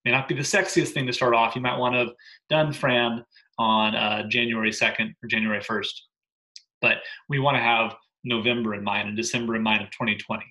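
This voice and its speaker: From his living room, a gym programming coach in his thirties walks gym owners through a briefing on his laptop webcam. His mid-range voice moves briskly, full of emphasis, energy and repeated "right?" asides. The recording is rough.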